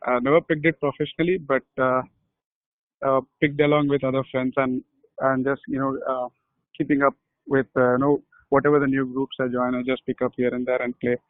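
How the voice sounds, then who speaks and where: A man's voice: mid-range voice, little pitch movement, fairly quick, dry recording. Modest man on a tinny phone. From Hyderabad, India. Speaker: guest cricket player.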